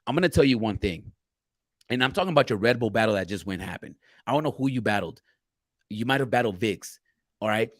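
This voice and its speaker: A man's voice: fairly low pitch, expressive, fast, pauses often, no room sound, studio quality. A man co-hosting a casual live-stream chat, talking loosely and bluntly with plenty of cursing and reading viewer questions aloud. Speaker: podcast co-host.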